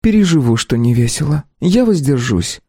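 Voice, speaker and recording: A man's voice: fairly high pitch, very animated, moderate pace, mellow, husky, no room sound, studio quality, voice pushed up, full character voice. Man doing a cool sardonic young woman.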